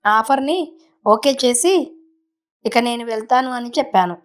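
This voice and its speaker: A woman narrating a first-person story in a conversational, unhurried way, with small restarts. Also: fairly high pitch.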